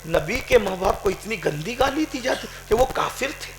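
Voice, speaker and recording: A man preaching an impassioned sermon, swinging from shouted climaxes to quiet questioning. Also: sits high, animated, gravelly, a little hiss or hum. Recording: echoey hall with crowd.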